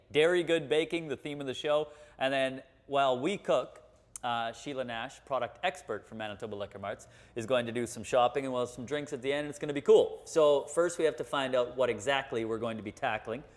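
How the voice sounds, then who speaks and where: A man hosting a cooking show, chatty and joking, with enthusiastic asides. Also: mid-range voice. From Canada. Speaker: host.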